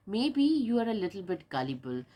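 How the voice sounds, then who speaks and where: A woman's voice: medium pitch, very animated, normal speed, dark tone. A woman with a stuffy nose from a cold, chatting casually to camera as she gives a tarot reading, with lots of fillers and repeated words. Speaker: tarot reader.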